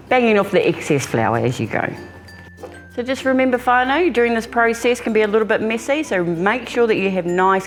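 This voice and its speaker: A woman with a New Zealand accent hosting a home cooking demonstration, talking casually and informally to viewers as if they were family. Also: mid-range voice. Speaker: home cooking show host.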